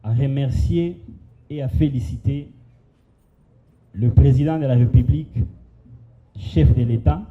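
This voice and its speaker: A man, an agency director addressing a conference audience in a deliberate, emphatic manner. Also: mid-range voice, phone-quality sound.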